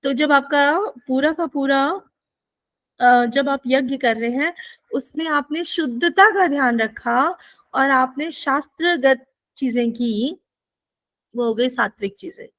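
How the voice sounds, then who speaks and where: A woman with a high voice teaches a spiritual lesson, explaining points patiently and checking in with rhetorical questions. The sound is dry and close, with no room echo. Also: takes it slowly, a bit bright. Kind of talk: spoken teaching session.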